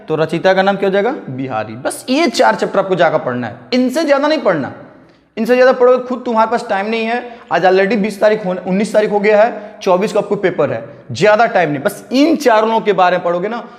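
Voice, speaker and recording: A man's voice: high voice, long reverb tail. A young man teaching an exam prep lesson in a casual, coaxing way, asking questions and answering them himself, with English words mixed in. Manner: coaxing, asks and answers his own questions; mixes English words into speech.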